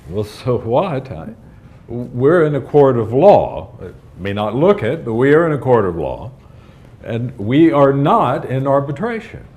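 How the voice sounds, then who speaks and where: An actor playing a patient, slightly flustered judge in a courtroom drama, with hesitant, conversational authority. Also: male voice, on the low side, sing-song, slow, a little mellow. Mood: explaining, firm. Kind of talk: acted courtroom drama dialogue.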